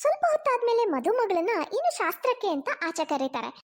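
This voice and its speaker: A woman narrating a cartoon story in a gentle, measured way. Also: very high-pitched, sing-song.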